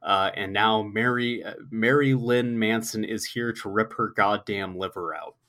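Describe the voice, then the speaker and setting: A man's voice: on the low side, a little slow, sharp tone. A man who is sick, his voice cracking a little, chatting loosely and jokingly as a podcast co-host, swearing casually. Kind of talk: casual chat recapping an anime episode.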